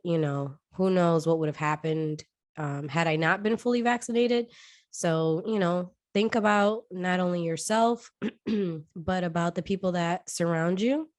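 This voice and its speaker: A woman's voice: fairly low pitch, a little mellow, no echo, studio quality. Very nasal, stuffed-up woman podcast host. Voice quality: very nasal, congested, as if nose pinched shut. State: sick with covid. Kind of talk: casual podcast chat.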